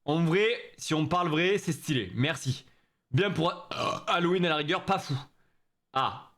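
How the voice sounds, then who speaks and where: A man's voice: on the high side, animated, measured pace, fairly bright tone. A young man chatting with his viewers during a live stream, joking in slangy talk. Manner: slangy, joking, talks straight to chat.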